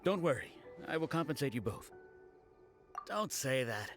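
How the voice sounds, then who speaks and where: A polite antique merchant. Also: male voice, medium pitch, sing-song, fairly bright tone, soft background music. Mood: grateful. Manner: courteous, measured, salesman-like. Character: grateful male antique supplier, polite merchant. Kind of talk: game cutscene voice acting.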